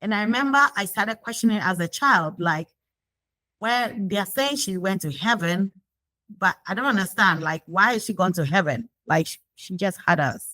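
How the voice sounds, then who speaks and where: A woman's voice: medium pitch, expressive, normal speed, pushed and bright, no room sound, rough recording. Woman speaking reflectively, dry sound. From Ghana. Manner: reflective, with frequent fillers and restarts. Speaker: guest. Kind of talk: conversational interview.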